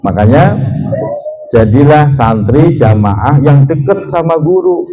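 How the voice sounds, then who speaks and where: A man's voice: expressive, takes it slowly, warm tone, soft background music, poor audio. A middle-aged male preacher, giving a folksy sermon that keeps turning to address the men listening. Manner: folksy, addresses listeners as "Pak", swings between high and low pitch.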